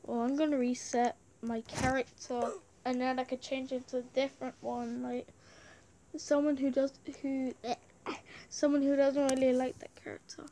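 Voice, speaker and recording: A woman's voice: high-pitched, flat delivery, normal speed, warm tone. A young girl rambling through casual gameplay commentary, full of "like" and "um", over faint background noise. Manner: rambling, many fillers. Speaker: let's play host.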